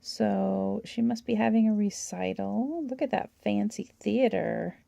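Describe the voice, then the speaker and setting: A woman hosting a toy-collecting channel, chatting and gushing through a catalog in a hoarse voice. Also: medium pitch, measured pace, dark tone, dry recording. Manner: chatty, gushing, with little laughs. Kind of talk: casual show-and-tell of a toy catalog.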